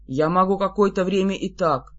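The reader of an audiobook voicing an old male ghostly shadow, speaking in a hushed, pleading whisper. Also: medium pitch, normal speed, lo-fi sound, lightly acted. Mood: coaxing. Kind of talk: audiobook character reading.

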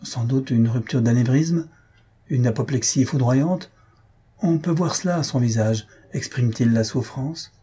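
A man's voice: mid-range voice, measured pace, dark tone, breathy edge. A man reading aloud and voicing a bewildered, bawdy old male scholar who talks in a puzzled, matter-of-fact way.

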